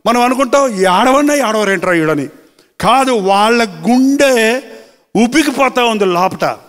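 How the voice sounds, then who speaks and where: A man preaching a sermon as pastor, drawing out words slowly for emphasis and quoting scripture. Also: extremely high pitch, expressive, fairly bright tone, in a large hall. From India. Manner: preaching with slow, drawn-out emphasis and quoted scripture.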